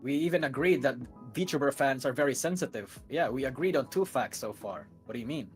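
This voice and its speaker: A young adult co-hosting a livestream in casual chat, with a hesitant, halting delivery that repeats words. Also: medium pitch, lively intonation, soft background music. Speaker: livestream co-host with own channel.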